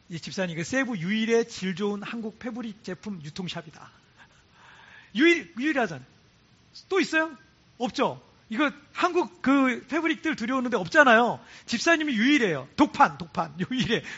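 High, lively-voiced pastor preaching. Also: male voice, breathy edge, dull audio. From South Korea. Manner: repeats phrases for emphasis, chatty asides. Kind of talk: sermon to a congregation. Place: church in Cebu.

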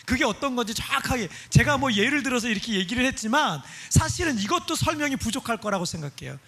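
High-voiced husky male pastor preaching. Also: fast talker. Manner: animated, asks the congregation rhetorical questions; explains points with pictures shown on screen. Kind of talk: sermon.

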